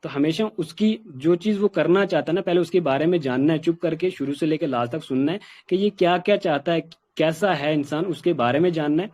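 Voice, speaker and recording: A man's voice: on the high side, fairly quick, few pauses, darkish tone. A man giving an informal spoken lesson on communication skills, talking conversationally with many fillers. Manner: conversational, repeats "ठीक" often, many fillers.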